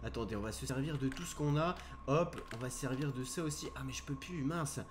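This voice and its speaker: A man's voice: medium pitch, a little fast, noisy background. A young man hosting a Minecraft video, commenting on the game to viewers in a theatrical, easily alarmed way. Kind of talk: dramatised gameplay commentary addressed to viewers.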